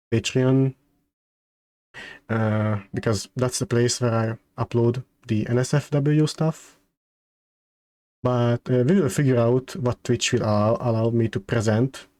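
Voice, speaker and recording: A man streamer chatting casually on a livestream, halting and hesitant, often repeating his words. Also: medium pitch, mellow, no echo. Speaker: streamer hosting a debut stream.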